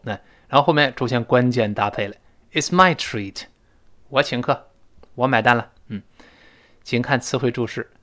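Male English teacher, middle-aged, animated pitch, drills pronunciation. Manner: lively, explaining and drilling pronunciation. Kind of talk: recorded English lesson.

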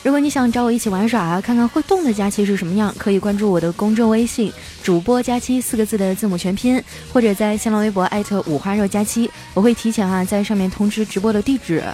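A woman hosting a comic storytelling podcast, chatty and lively, stretching out her sentence endings. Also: mid-range voice, fast talker, hardly any pauses, soft background music. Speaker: host.

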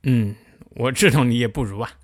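A man's voice: mid-range voice, a little fast, no echo, studio quality, voice pushed down, close to an everyday voice. A man voicing a frank, bold ancient advisor who admonishes his king pointedly. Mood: probing.

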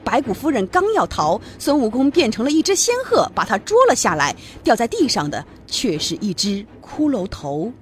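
Lively woman telling a children's story. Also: on the high side, normal speed, few pauses, slight background noise. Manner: expressive, lively.

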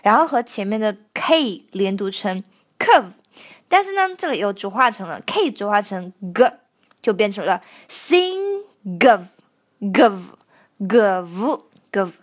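Very animated and medium in pitch, a young woman breaks down how to pronounce a song line by line, describing each sound before slowly singing short bits to show it.

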